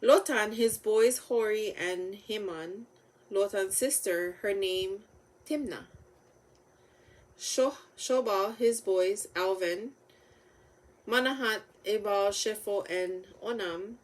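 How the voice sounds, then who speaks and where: A woman reads aloud in Hawaiian Pidgin, as if at story time. Her pitch sits in the middle range for a woman and her pace is slow. She is halting over names and sometimes corrects herself. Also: rough recording. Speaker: reader of Bible stories.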